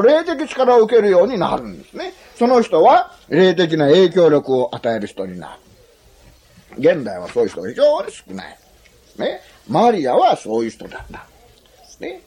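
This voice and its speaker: A man's voice: high voice, wildly swooping pitch, moderate pace, darkish tone, breathy edge. A man preaching a sermon in a chatty, humorous way, often asking his listeners questions. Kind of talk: sermon to a congregation.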